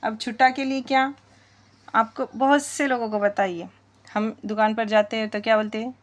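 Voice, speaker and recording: A woman's voice: on the high side, fairly even intonation, normal speed. A woman teaching spoken English, repeating sentences word by word and quizzing her viewers.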